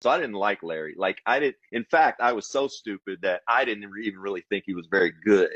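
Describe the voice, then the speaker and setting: A man's voice: lowish voice, quick pace, a bit bright, no room sound, highs cut off. A former basketball player, a man, telling a wry story in an interview.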